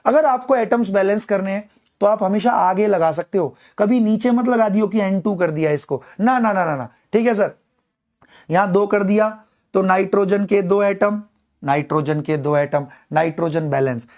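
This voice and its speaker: A man with a high-sitting, darkish voice teaches chemistry in a playful online lecture. He stages mock dialogues with his students and slows down to dictate English phrases word by word.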